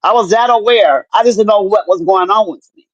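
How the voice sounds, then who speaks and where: A middle-aged woman tells her story in lively, profane casual chat, slipping into the voices of the people around her. The recording is dull and lo-fi. It is also very dry. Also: mid-range voice, fairly quick, no room sound. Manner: animated storyteller, profane, acts out what people said. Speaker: guest telling her story.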